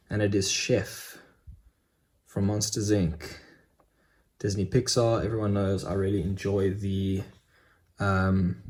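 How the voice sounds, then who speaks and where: A man's voice: lowish voice, a little mellow. Chatty young man showing off collectibles. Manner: chatty, enthusiastic, frequent ums. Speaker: Funko Pop collector vlogger. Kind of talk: casual unboxing vlog.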